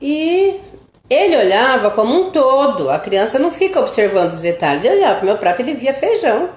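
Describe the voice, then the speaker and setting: Speaking briskly in a high, sing-song, slightly mellow voice, a middle-aged woman tells a family story on her live stream about children's nutrition. Her manner is chatty and casual, with frequent questioning "né?" tags, meaning "right?". The sound carries a roomy echo.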